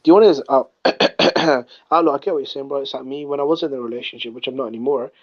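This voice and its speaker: A man's voice: medium pitch, quick pace. A man chatting casually in a group, agreeable and slightly hesitant, using slang. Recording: dull lo-fi audio.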